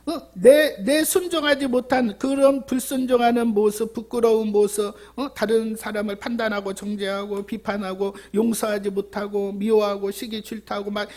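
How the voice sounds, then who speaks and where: A woman's voice: mid-range voice, steady tone, normal speed, hardly any pauses, a little mellow. A woman pastor preaching a sermon in a church, repeating key words and asking the congregation rhetorical questions.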